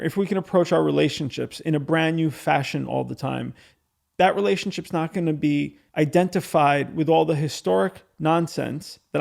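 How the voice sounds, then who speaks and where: A man's voice: fairly high pitch, vocal fry, darkish tone. A man hosting a podcast, speaking in an earnest, informal, philosophical way, as in a reflective wedding toast speech. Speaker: podcast host.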